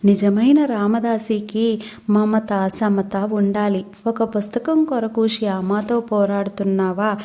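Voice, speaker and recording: A woman voicing a calm old male saint who gently scolds a quarrelsome devotee in slow, measured words. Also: medium pitch, close to an everyday voice. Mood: calm rebuke.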